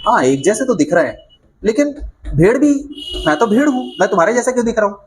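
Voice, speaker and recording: A man's voice: high-pitched, very animated, fast talker, a little hiss or hum. A man voicing a timid young lion cub who believes he is a sheep, in a pleading, self-belittling way. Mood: meek.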